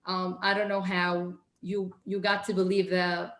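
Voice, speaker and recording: A woman's voice: lowish voice, level tone, unhurried, a bit bright, slight background noise. Hesitant woman in an echoey room on a call. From Syria. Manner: hesitant, with many fillers and restarts. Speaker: audience member asking a question. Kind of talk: speaking on a video call. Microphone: video call. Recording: roomy echo on a video call.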